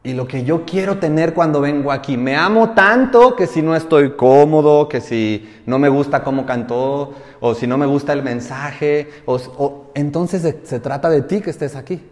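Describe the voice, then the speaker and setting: A male pastor preaching a sermon, firing rhetorical questions with emphatic swells and hushed drops. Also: fairly high pitch, normal speed, few pauses. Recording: roomy hall with long reverb.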